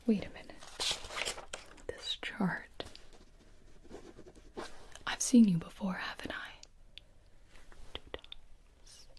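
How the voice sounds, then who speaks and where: A woman whispering hesitantly as a doctor in an ASMR roleplay, with soft fillers and pauses. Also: mid-range voice.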